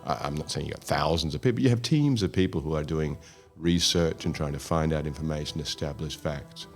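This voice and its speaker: A man's voice: rumbling low, brisk, faint music behind. A man hosting an interview, asking long rambling questions with anecdotes. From Australia. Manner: rambling, talks through anecdotes. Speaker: host.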